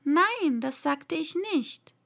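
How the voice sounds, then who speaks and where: A woman's voice: high-pitched, lively intonation, slow pace, creaky, a bit bright, pitched above the performer's own voice, full character voice. Woman voicing Alice, a firm, curious girl. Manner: firm, plain-spoken. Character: curious, outspoken young girl.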